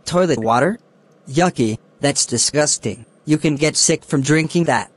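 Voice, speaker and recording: A man's voice: a little high, measured pace, breathy edge, dry recording. Man's voice doing whiny bald boy Caillou. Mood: disgusted. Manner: whining, complaining. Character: whiny bald young boy, sulky troublemaker.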